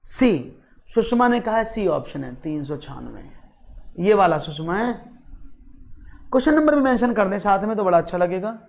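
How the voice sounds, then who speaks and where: एक पुरुष गणित शिक्षक ऑनलाइन परीक्षा-तैयारी कक्षा पढ़ाते हुए, जोश से और मनाते हुए बोलता है, हिंदी में अंग्रेज़ी शब्द मिलाता है।. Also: male voice, sits high. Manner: lively, coaxing, mixes English terms into Hindi. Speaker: maths teacher. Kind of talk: online exam-prep class.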